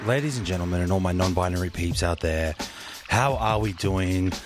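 A man's voice: low-pitched, normal speed, over music. Friendly man hosting a radio show. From Eastern Torres Strait. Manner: friendly, laughing, chatty with guests. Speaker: radio host. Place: radio studio. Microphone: studio microphone.

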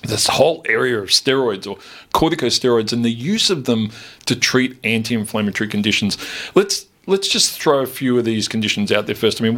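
This is a man presenting a science show on radio. His voice sits at an ordinary male pitch. He chats in a bright, curious and enthusiastic manner, as a host talking with studio guests. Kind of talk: live radio interview chat.

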